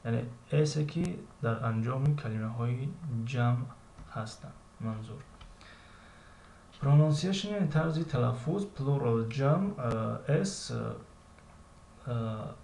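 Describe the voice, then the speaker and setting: Gravelly Tajik-accented male teacher. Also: medium pitch, dark tone. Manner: reads English lines slowly, explains them with frequent hesitations. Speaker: English teacher. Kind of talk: recorded language lesson. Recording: echoey room with faint ambient noise.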